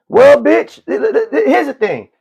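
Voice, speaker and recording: A man's voice: very high-pitched, wildly swooping pitch, a little slow, creaky, darkish tone, lo-fi sound. A man hosting a live stream, ranting in profane, mocking commentary with stammered repeats. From United States.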